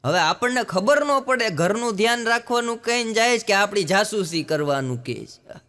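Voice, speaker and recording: A man performing stand-up jokes on stage, acting out voices in animated bursts. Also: high voice, normal speed. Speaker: stand-up comedian. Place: live stage show with audience.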